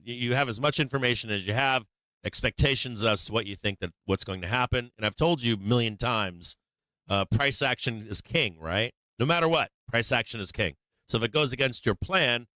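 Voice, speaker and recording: A man with a thin, tinny voice light on bass, giving rambling, blunt, profanity-laced live trading commentary. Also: normal speed, bright, forceful tone, smooth, no room sound. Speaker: stock trading livestream host.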